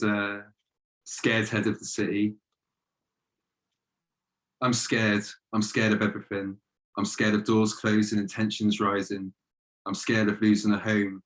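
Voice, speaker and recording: A young man reads his own poems on a video call, his voice sitting low and staying flat. His delivery is measured and steady and leans on repeated refrains. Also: rough recording. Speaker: guest poet. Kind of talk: poetry reading.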